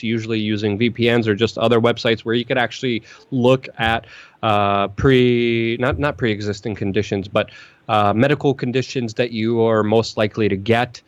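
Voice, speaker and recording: A man who grew up in Poland hosts a live-stream chat in a voice of middle pitch. He talks in rapid bursts that stumble, restart and repeat phrases. His voice sits close and dry, with no room sound around it. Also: dry recording. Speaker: host.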